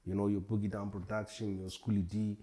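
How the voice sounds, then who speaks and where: Man in his 40s, low voice, laid-back, rambling interview guest. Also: level tone, fairly quick, warm tone. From Tanzania. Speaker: guest hip hop artist. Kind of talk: casual interview chat.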